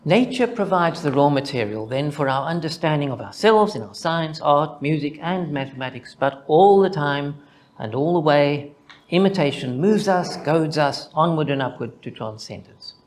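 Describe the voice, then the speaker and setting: Reading from a prepared conference paper, an older mathematician with a Zimbabwean accent speaks in a deliberate, reflective manner and builds rhythmic lists. His voice is a little high, with lively intonation.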